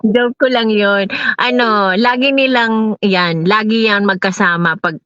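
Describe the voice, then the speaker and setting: Slow-talking woman, laughing chatter. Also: medium pitch, fairly even intonation, fairly bright tone, no echo, highs cut off. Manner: chatty, laughs often, mixes Tagalog and English. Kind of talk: casual chat. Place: abroad in New Zealand.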